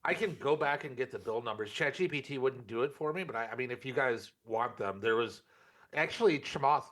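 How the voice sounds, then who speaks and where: An American man talks through points in a casual discussion at an average male pitch. His delivery is measured and conversational, often halting as he assembles a thought. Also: expressive, fairly bright tone.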